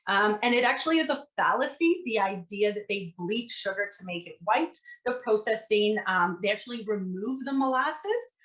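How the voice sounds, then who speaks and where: Woman dietitian on a video call, talky and casual, lots of ums, bit of dry sarcasm, mid-pitched voice. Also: lively intonation, moderate pace, hardly any pauses, fairly bright tone, rough recording. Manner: conversational, filler-heavy, dry sarcasm. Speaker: dietitian presenter. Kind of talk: online presentation to teachers.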